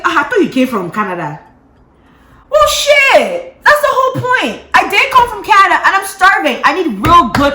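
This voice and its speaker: Woman, from Nigeria, casual vlog rant, bright tone, echoey room. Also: fairly high pitch. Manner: animated, ranting, laughs often. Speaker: vlogger. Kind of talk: casual gist chat.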